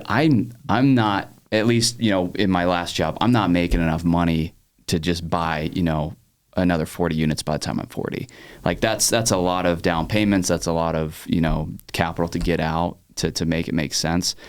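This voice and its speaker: A thirty-year-old man hosting a podcast, casual and affirming, calling his guest "man" and "dude". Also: deep voice. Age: 30s. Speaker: podcast host. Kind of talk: podcast interview.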